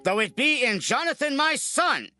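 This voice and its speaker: A man's voice: very high-pitched, sing-song, moderate pace, pushed and bright, soft background music, exaggerated voice. A man playing a stern, commanding king of ancient Israel in a dramatized scripture reading, declaiming his orders. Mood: urgent, solemn.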